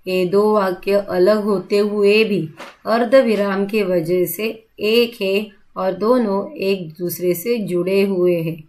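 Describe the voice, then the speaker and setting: Slow, clear-spoken woman teacher. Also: mid-range voice, steady tone, a little mellow. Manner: slow, clear, explanatory, repeats example sentences. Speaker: school teacher. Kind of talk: classroom grammar lesson.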